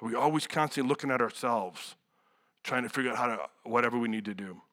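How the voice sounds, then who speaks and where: A man's voice: medium pitch, quick pace, fairly bright tone. A young adult man preaching a sermon in a candid, conversational way, full of asides and rhetorical questions.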